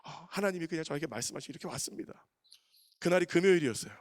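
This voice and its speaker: A man in his thirties preaching, telling a personal story with animated, emotional delivery and acted quotes. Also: fairly high pitch, very fast, dry recording, clean studio sound. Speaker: pastor. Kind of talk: storytelling sermon.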